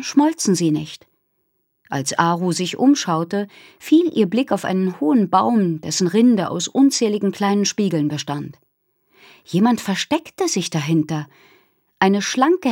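A woman narrating a children's novel in an expressive storytelling manner. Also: fairly low pitch, no room sound, clean studio sound. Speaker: audiobook narrator. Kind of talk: scripted narration.

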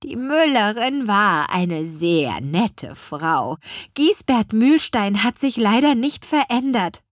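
A woman voicing an eager, earnest young apple witch girl in an audiobook, with a bright, pleading delivery. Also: mid-range voice, sing-song, slow, no echo, clean studio sound, pitched above the performer's own voice. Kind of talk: audiobook character voice.

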